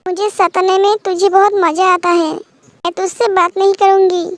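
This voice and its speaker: A woman's voice: very high voice, level tone, normal speed, no echo. A woman voicing an emotional young wife who reproaches a friend in a fan-made audio story. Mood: teasing anger. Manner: indignant, reproachful.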